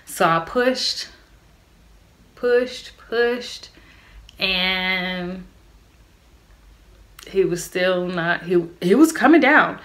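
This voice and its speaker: A woman's voice: lowish voice, expressive, very slow, long pauses, a bit bright. A young woman telling a personal story to her viewers in a candid, chatty way, talking straight to them. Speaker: vlogger. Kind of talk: storytime vlog.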